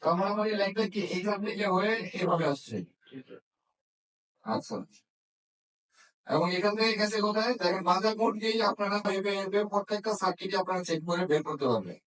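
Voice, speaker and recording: A man whose voice sits high and fairly bright teaches phone repair in a hands-on class, speaking a little fast. He regularly asks questions to confirm students are following along. A far-off microphone captures him in an echoey space.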